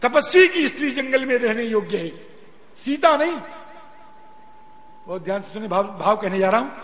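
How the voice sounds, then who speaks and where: A man giving a religious discourse, explaining scripture and chanting its verses in a slow, drawn-out way. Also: very high voice, big pitch swings, fairly bright tone. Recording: long hall reverb, faint noise.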